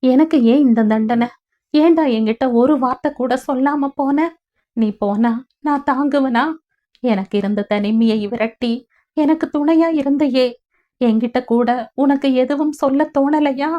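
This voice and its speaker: A woman's voice: mid-range voice, steady tone, a little slow, muffled recording, close to an everyday voice. A woman reading the part of an ailing elderly mother who pleads tearfully and breathlessly. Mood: pleading. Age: older.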